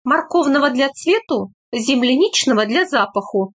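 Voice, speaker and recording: A woman reading as a brisk, teasing village girl, high and bright. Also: animated. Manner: practical, playfully scolding.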